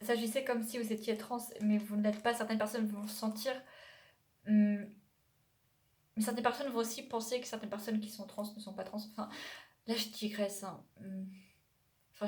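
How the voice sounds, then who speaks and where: A young woman from France chats loosely to camera in a fairly high voice. She wanders off topic, pauses on fillers and keeps correcting herself mid-sentence. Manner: rambling and digressive, full of hesitations and self-corrections. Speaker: YouTuber. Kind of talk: casual vlog chat to camera.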